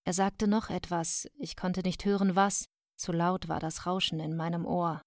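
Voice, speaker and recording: Female audiobook narrator, lower voice, steady measured delivery, dry close sound. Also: no echo. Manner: calm, measured storytelling. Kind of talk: scripted first-person narration.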